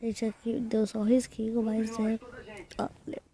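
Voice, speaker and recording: A teenage girl vlogging in casual chat, recounting a prank in a rambling way and talking fast by her own account. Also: a little high, completely flat delivery, mellow.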